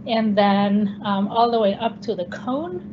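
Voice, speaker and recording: Speaking unhurriedly in a medium-pitched voice, a guest scientist born in Israel lectures online from her home via laptop webcam. She explains things with frequent ums and phrasing that's slightly non-native. The video-call sound is dull, lo-fi and noisy in the background.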